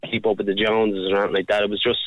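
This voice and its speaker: A middle-aged Irish man calls in to a radio show, talking very fast in a low-ish voice with little pitch movement, over phone-quality sound. He's easygoing yet slightly defensive and keeps saying "you know what I mean."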